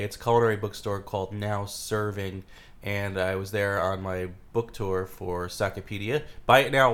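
A man's voice: lowish voice, a bit bright. A man hosting a podcast in a casual, chatty way, sounding congested and stuffy-nosed from a cold. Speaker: podcast host. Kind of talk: casual scripted-free podcast introduction.

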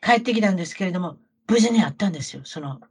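Middle-aged woman, Kansai accent, chatty auntie storyteller, rapid, very lively intonation, slightly rough voice, casual. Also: on the low side. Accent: Kansai Japanese. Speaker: podcast co-host telling travel stories. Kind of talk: casual chat, anecdotes.

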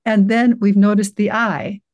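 An older woman gently guiding a listener through an inner awareness exercise, reassuring and unhurried, with frequent restarts. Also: mid-range voice, flat delivery, dull audio. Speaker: guest teacher guiding a practice. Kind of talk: guided meditation walkthrough in conversation.

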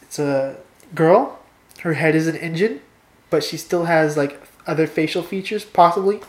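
A young woman chatting casually with a friend and reading out a story she wrote, playful and quick to laugh. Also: sits low, darkish tone, roomy sound. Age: young adult. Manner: playful, laughs easily, reads a story aloud. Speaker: co-host.

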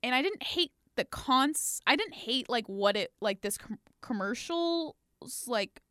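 A woman's voice: a little high, expressive, measured pace, bright, forceful tone, clear, resonant tone, no echo, studio quality. A woman co-hosting a podcast, chatting casually and animatedly and laughing often. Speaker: podcast co-host. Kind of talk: casual chat.

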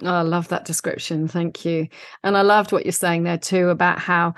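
Flat-toned woman podcast host. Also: lowish voice, normal speed, dry recording, studio quality. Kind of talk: casual chat.

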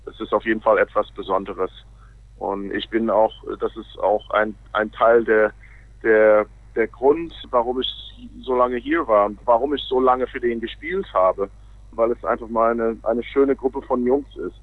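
A man's voice: medium pitch, fairly even intonation, normal speed, no room sound. North American-accented man on a phone-like line. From Canada. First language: English. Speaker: interview guest, baseball player. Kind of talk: casual radio interview. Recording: narrow, phone-like radio sound.

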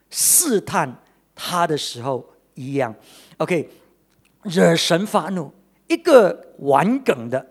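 A man preaching a sermon as a pastor, animated and exclaiming, swinging between loud bursts and quiet asides, often pausing on "OK" and fillers. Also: high-pitched. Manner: peppers talk with "OK" and drawn-out fillers.

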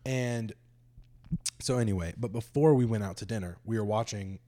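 A man's voice: lowish voice, normal speed, mellow. A young man chatting casually with a friend, telling laid-back stories and laughing often. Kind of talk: casual chat.

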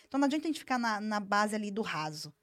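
A woman's voice: mid-range voice, rapid-fire. A woman, a business owner, talking candidly and emphatically in a casual interview. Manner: candid, emphatic, animated storytelling.

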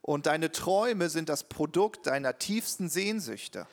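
A man interpreting a sermon live, quick and earnest, with the odd hesitation. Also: on the high side, expressive.

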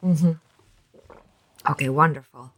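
A woman's voice: sits low, slow. A woman from Spain hosting a podcast interview, talking at length and rambling with restarts. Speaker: podcast host.

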